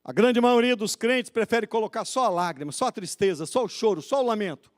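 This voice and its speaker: A male pastor preaching a sermon, swinging between loud exhortation and quiet, intimate questioning of the congregation. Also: high-pitched, brisk. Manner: pleading, exhorting.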